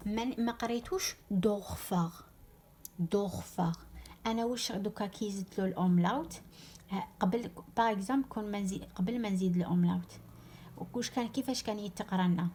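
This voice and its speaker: A young woman with an Algerian Arabic accent teaching a German lesson, repeating example words slowly and dropping French words into her explanations. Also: medium pitch, darkish tone, slight background noise. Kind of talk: online language lesson.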